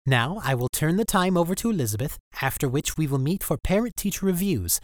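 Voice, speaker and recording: A man's voice: fairly high pitch, animated, brisk, no echo, studio quality, voice pushed up, natural voice. A man voicing a whiny, pompous middle-aged male teacher with a grating voice and formal, announcing delivery.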